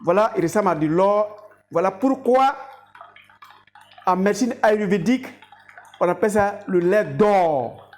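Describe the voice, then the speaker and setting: A woman's voice: medium pitch, expressive, measured pace, pauses often, a little mellow. A woman giving an instructive health talk and demonstration, addressing viewers directly as an educator.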